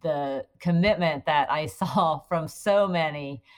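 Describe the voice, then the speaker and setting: A woman's voice: deep voice, slow. A woman guest in an interview, explaining her work fluently with frequent "you know" fillers. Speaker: guest, corporate affairs executive at a utility. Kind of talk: casual interview conversation.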